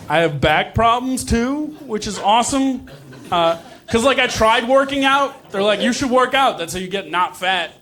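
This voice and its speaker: A man's voice: very high-pitched, expressive, moderate pace, a bit bright. A man doing self-deprecating stand-up comedy in a conversational way, acting out dialogue, with crowd laughter. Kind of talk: stand-up comedy storytelling to a live audience. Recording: noisy live comedy show, audience laughter.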